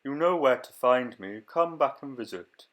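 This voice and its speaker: Friendly male plant giant, gentle, calm, soft-spoken, storybook read-aloud, voiced by a man. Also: medium pitch, moderate pace, lightly acted.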